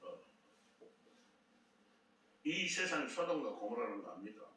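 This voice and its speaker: Male pastor, sermon delivery, bright higher voice, heard from a distance in an echoey church with faint noise. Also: a little slow. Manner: animated storytelling, acting out dialogue.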